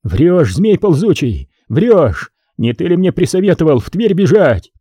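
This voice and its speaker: A desperate young noble in chains pours out accusations in a fast, urgent voice, as a male reader gives him lines. The tone is dark and husky, with lively swings in pitch. The sound is close and dry. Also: no echo, full character voice.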